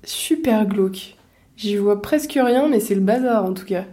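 A woman's voice: mid-range voice, moderate pace, warm tone, close to an everyday voice. A woman playing a wary young female adventurer in a casual interactive audio drama, colloquial and hesitant. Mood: bewildered.

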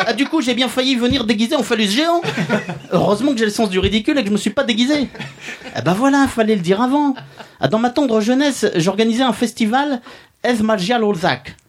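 A man's voice: very high-pitched, expressive, brisk. A man doing a pompous mocking columnist. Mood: smug, mocking. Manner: mock-pompous, sardonic, chuckling at own jokes. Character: pompous male columnist character roasting a guest. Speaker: podcast columnist. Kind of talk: comic podcast chronicle.

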